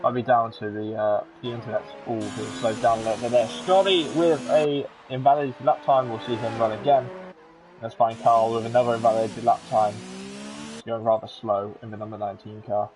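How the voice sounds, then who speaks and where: A man giving live commentary on a racing league, excitable and chatty with joking asides. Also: mid-range voice, brisk. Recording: game engine noise under the voice. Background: racing car engine sounds from the game.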